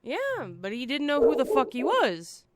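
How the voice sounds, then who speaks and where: A woman's voice: sits high, sing-song, moderate pace, a loud crowd. A woman hosting a stream, casually telling a story to friends and swearing freely. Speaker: streamer host.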